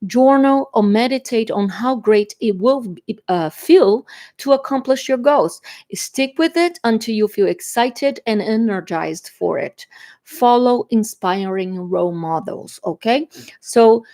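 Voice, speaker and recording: A Brazilian tarot reader whose first language is Portuguese chats her way through a reading in a fairly high, warm, animated voice, a little slowly. She speaks with a Brazilian Portuguese accent and keeps adding fillers and "okay?" tags.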